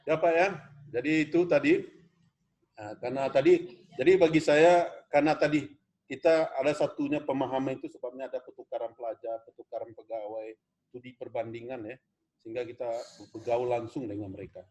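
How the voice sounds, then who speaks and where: A man's voice: medium pitch, fairly even intonation, fairly quick, darkish tone. A man from West Sumatra, lecturing in an online class, earnest and rambling, often addressing students as "Pak". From West Sumatra, Indonesia. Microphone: video call.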